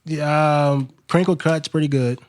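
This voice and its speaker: Podcast guest: man from Texas, slightly high voice, earnest and easygoing, dry close mic. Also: a little slow, no echo. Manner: relaxed, earnest, repeats himself. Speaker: guest, restaurant co-owner. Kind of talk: casual podcast chat.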